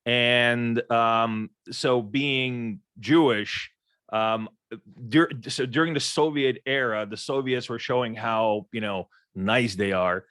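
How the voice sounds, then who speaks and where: A man's voice: medium pitch, slow pace, a bit bright, clear, resonant tone, no room sound. A middle-aged man from Ukraine moderating a casual panel chat, joking and stumbling over repeated words.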